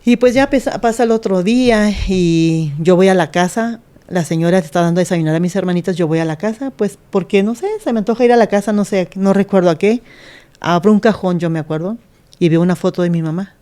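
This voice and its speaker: Soft, low-voiced woman. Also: a little fast. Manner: earnest, retells scenes by acting out quoted speech. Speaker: pastor, guest. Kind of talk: telling a personal life story in an interview.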